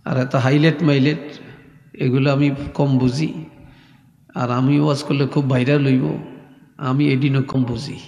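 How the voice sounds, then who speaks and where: A man preaching a sermon to a crowd, speaking slowly and softly with a sing-song storyteller's lilt. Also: medium pitch, level tone. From Bangladesh. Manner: slow, soft-spoken, sing-song storytelling. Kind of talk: Islamic sermon. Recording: echoey hall reverb from a PA.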